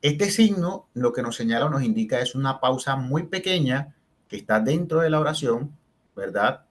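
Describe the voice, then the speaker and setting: A man's voice: mid-range voice, animated, normal speed. A man giving a spelling lesson who explains step by step, stresses example words and keeps checking in with short questions. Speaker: teacher.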